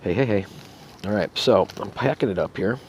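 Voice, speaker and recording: A man with a gravelly voice giving a casual, unscripted product review, thinking aloud in a halting, laid-back way. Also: lowish voice, a little mellow. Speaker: pipe tobacco reviewer. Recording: faint background noise.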